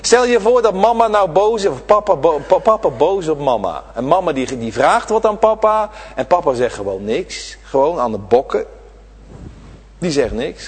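A man preaching a sermon to his congregation, swinging between loud, drawn-out emphasis and quiet, low asides. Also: husky, big-room sound. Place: church.

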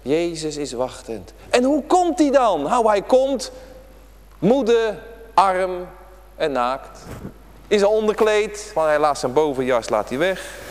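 Brief: male pastor, high and very expressive voice, preaching to kids, church reverb. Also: slow. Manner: emphatic, repetitive preaching addressed to children. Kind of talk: children's prayer-day sermon.

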